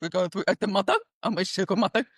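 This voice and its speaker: A woman's voice: mid-range voice, no echo, studio quality. Earnest deaf woman guest on a call. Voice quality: deaf speech, her hearing profoundly impaired from birth. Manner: halting non-standard phrasing, earnest. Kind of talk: interview answers.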